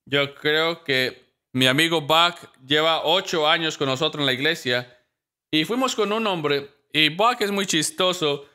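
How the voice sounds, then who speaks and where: A man preaches from a church stage with a notably bright, sharp tone and a slightly higher pitch than most men. He tells his stories with animation and slips into the voices of the people he describes. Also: a little slow, clear, resonant tone. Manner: animated storytelling, acting out quoted voices. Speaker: pastor. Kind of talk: sermon.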